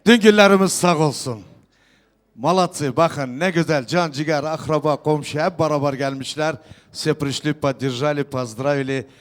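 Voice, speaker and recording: High clear-voiced man, wedding announcer. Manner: ceremonial, repeated blessing formulas, drawn-out proclamations; mixes Russian words into Turkish. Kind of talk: Turkish-style wedding announcing of gifts.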